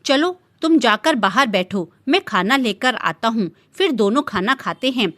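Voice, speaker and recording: A woman's voice: a little high, animated, measured pace, fairly bright tone. A woman voicing a stern, protective male police officer who speaks firmly and reassuringly in a storybook reading. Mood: firm, gentle.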